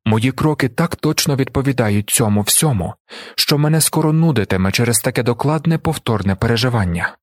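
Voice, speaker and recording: A man voicing a blinded young male emperor who speaks in a steady, measured, commanding way with a husky voice. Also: mid-range voice, no echo, clean studio sound, close to an everyday voice.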